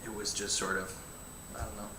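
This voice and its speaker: A man's voice: fairly low pitch, level tone, a little fast, bright, forceful tone. A young man chatting casually on a livestream, telling stories in an easygoing way with hesitant fillers. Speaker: band member answering fan questions. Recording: roomy with faint hum.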